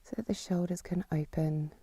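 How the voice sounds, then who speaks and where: Soft and half-whispered, a woman's lowish, breathy voice delivers slow guided-meditation instructions as a yoga nidra teacher. She stays calm, soothing and unhurried, pausing at length, and the sound is close and dry without any room tone.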